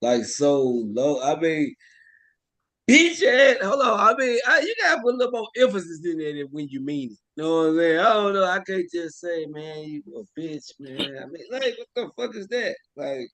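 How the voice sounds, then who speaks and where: Lively-voiced man on a podcast, dry sound. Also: fairly high pitch, fairly quick, hardly any pauses, no room sound. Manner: expressive, swings loud and quiet. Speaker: podcast co-host. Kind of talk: casual sports talk.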